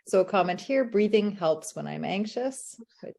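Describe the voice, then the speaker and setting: A woman's voice: mid-range voice, lively intonation, normal speed, creaky, darkish tone. A woman moderating an online session, politely reading audience comments from the chat. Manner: polite and encouraging.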